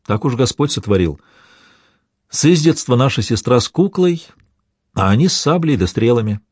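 A man voicing an old grandmother, a dowager princess, speaking softly, sadly and low. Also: expressive, moderate pace, breathy edge, no room sound, studio quality. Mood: sorrowful. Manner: soft, sad and low.

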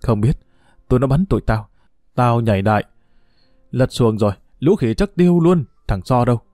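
A man doing a gruff shaken old villager. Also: mid-range voice, moderate pace, dark tone, no room sound, clean studio sound, faint music behind, lightly acted.

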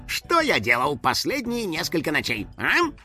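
A man's voice: fairly high pitch, huge pitch swings, moderate pace, bright, forceful tone, faint music behind, voice pushed up, heavily acted. A man voicing a boastful, bossy little male house-spirit detective who takes himself very seriously. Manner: grandly self-important, bossy exclamations.

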